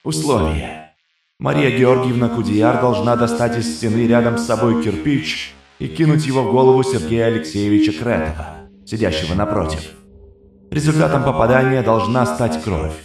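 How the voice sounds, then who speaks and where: Soft sexless robot game voice, flat and emotionless, put on by a male narrator; echoey, loud music underneath. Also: mid-range voice, gravelly, voice pushed up. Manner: flat, without emotion or intonation. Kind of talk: audiobook narration.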